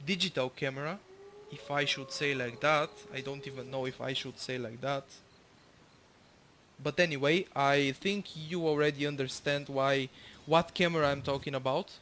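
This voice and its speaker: Commentating loosely over his own game, this young man from Bulgaria, whose first language is Bulgarian, speaks with a Bulgarian accent in a medium-pitched, fairly bright voice at a moderate pace. There's a little hiss or hum, and he rambles, swears freely, and corrects himself.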